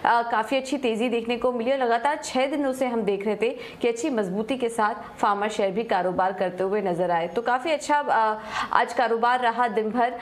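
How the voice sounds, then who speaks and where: A woman's voice: fairly high pitch, moderate pace. A woman in a TV studio giving a live stock market report, fluent but with frequent "uh" fillers. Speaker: markets correspondent. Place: TV news studio.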